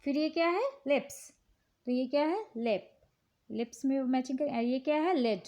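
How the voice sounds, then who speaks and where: A woman with an Indian accent and a high, light voice walks through a children's worksheet. She talks slowly and patiently, checking in with the listener again and again. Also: a little mellow. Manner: slow, patient, repeats "ठीक है" often. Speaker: teacher showing worksheets. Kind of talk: casual instructional talk.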